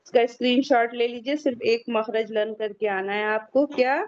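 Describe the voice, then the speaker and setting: A woman's voice: fairly high pitch, steady tone. Woman teacher drilling a lesson over a dull call. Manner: patient, repeats key points for students to memorize. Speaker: Quran recitation teacher. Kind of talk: online class lesson. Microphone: video call. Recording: dull lo-fi online call audio.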